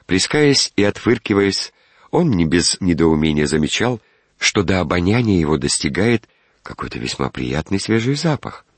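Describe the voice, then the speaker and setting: A man narrating a classic story in a measured, expressive reading. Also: low voice, dry recording.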